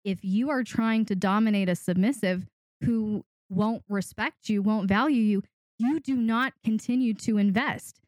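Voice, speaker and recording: A woman's voice: mid-range voice, unhurried, darkish tone, no echo. A woman hosting an advice podcast, coaching a guest in an emphatic, direct way and stacking points for effect. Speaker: podcast host and coach for dominants.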